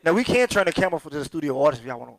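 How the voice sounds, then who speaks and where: A man's voice: fairly high pitch, big pitch swings, rapid-fire, crowd noise, low-quality recording. A man hosting and joking around, often restarting his sentences. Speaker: host. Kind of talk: casual chat.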